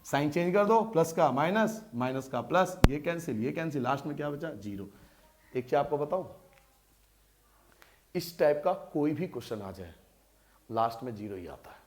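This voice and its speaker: Lively high-voiced male maths teacher. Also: moderate pace, long pauses. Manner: lively, coaxing, asks and answers his own questions. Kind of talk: board lesson.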